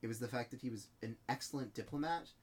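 A man co-hosting a podcast in casual chat, excitable and swearing often. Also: medium pitch, quick pace, a little hiss or hum. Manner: excitable, profane, animated. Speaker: podcast co-host.

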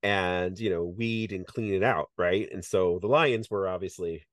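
A man's voice: low voice, normal speed, no room sound, studio quality. A man hosting a podcast, chatting casually and laughing at his own stories. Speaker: podcast host. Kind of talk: casual interview chat.

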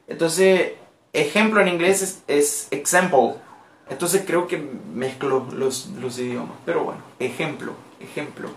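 A language teacher whose first language is Portuguese, giving a live online lesson and repeating phrases patiently and slowly for learners. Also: medium pitch, noisy background. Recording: roomy echo.

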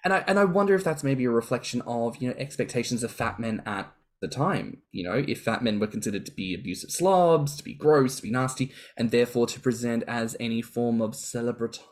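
A man's voice: medium pitch, a little fast, few pauses. Chatty man musing on a podcast. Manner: chatty, musing, playful asides. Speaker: podcast co-host. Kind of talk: casual chat.

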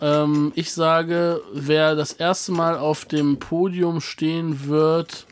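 A man co-hosting a casual podcast chat, hesitant with lots of fillers and excitable slang. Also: fairly high pitch, slow. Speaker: podcast co-host.

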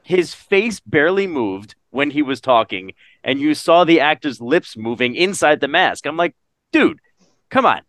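A man chatting casually in a movie review podcast, animated and laughing often as he acts out lines from the film. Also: on the high side, normal speed, hardly any pauses, no room sound. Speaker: podcast co-host.

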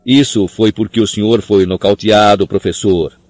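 A man's voice: fairly low pitch, normal speed, no room sound, natural voice. A man reading an audiobook, voicing an earnest, clever schoolgirl who pleads insistently. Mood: pleading. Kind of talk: audiobook character voice.

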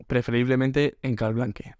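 A young man hosting a podcast, telling a comic story in an animated way, acting out quotes and often restarting. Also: medium pitch, normal speed, clean tone, dry recording. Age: young adult. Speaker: podcast host. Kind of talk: comedic storytelling monologue.

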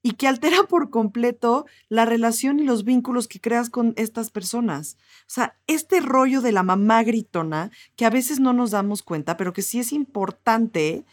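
A woman's voice: on the high side, moderate pace. A woman host and mother, chatting casually in a firm, emphatic way. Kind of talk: casual conversational chat.

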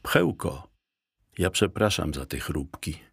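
A man voicing a timid male guinea pig who talks in a squeaky, nervous way. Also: big pitch swings, slow, gravelly, a bit bright, slightly rough, no echo, clean studio sound, full character voice.

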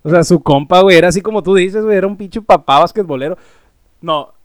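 A man's voice: sits high, quick pace, no room sound. A man with a Mexican accent telling a story in a casual chat, full of slang.

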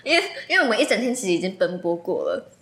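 Young taiwanese woman podcaster, talks fast, animated and teasing, casual chat. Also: mid-range voice. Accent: Taiwanese Mandarin. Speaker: podcast co-host. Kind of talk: casual chat over late-night snacks.

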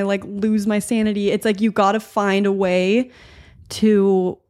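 A woman co-hosting a podcast in a chatty, affirming way, with lots of "like" and quick agreement. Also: mid-range voice, darkish tone. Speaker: podcast co-host. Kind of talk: casual podcast chat.

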